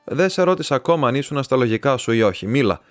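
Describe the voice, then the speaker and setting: A man's voice: mid-range voice, lively intonation, no echo, faint music behind, voice pushed up, lightly acted. A man voicing an irritable middle-aged magistrate who questions sharply and gets flustered. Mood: interrogating.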